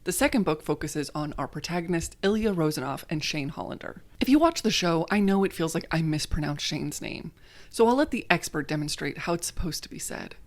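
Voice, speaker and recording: A woman's voice: sits low, lively intonation, fairly quick. Wry, conversational woman narrating an essay. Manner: conversational and wry, with joking self-corrections. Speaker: video essayist. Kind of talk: scripted video essay narration.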